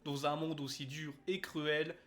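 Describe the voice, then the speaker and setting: A man with a somewhat high-pitched voice hosts a comedic review, reading a scripted recap. His delivery is sarcastic and irreverent, peppered with crude slang. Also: level tone, measured pace. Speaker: anime review video host.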